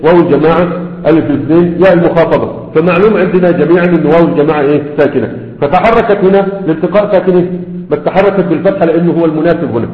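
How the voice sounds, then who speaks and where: A man with an Egyptian accent teaching a grammar lesson to a class, explaining step by step and asking and answering his own questions. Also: a little high. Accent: Egyptian Arabic. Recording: echoey hall over tinny phone-like sound.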